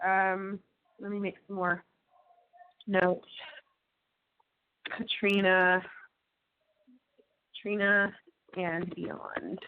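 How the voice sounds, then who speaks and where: Halting woman interviewer on a tinny phone line. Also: mid-range voice. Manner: halting, trails off while note-taking. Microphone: phone call.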